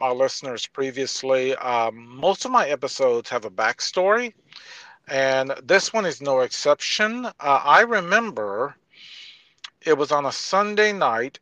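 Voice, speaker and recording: Man hosting a podcast, bright forceful voice. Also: mid-range voice. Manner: folksy, addresses listeners as y'all and folks. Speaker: podcast host. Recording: reverberant interview sound.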